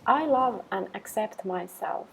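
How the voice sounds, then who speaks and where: A woman guides a meditation with affirmations, speaking calmly and gently at a measured pace with long pauses. Her mid-range voice is creaky, and the rough recording carries slight background noise.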